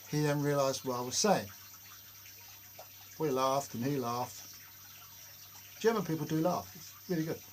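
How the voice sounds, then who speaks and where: A man's voice: fairly high pitch, darkish tone, slight background noise, low-quality recording. A man vlogging casually from his home workshop shed, telling jokey, self-mocking stories to the camera. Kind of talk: casual rambling chat to camera.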